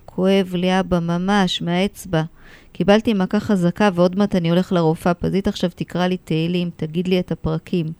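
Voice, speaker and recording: A woman's voice: lowish voice, level tone, a little mellow, clear, resonant tone, no echo, lightly acted. A woman voicing a pained, earnest young schoolboy in a told story, pleading and repeating how much it hurts. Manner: pleading, repeating complaints of pain. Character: boy schoolchild in pain, earnest and devout.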